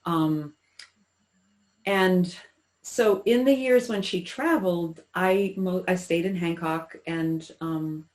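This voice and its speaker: Reflective woman in her sixties, halting. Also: on the low side, a little mellow, low-quality recording. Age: 60s. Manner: halting, reflective, many restarts. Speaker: interview guest. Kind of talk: personal recollection in conversation.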